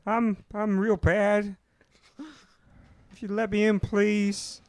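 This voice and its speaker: A man's voice: sits high, level tone, slow pace, creaky, no echo, pitched above the performer's own voice, exaggerated voice. A man voicing a wounded male stranger who begs at a temple door for healing, stammering and pleading. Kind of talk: voicing a character in a tabletop game.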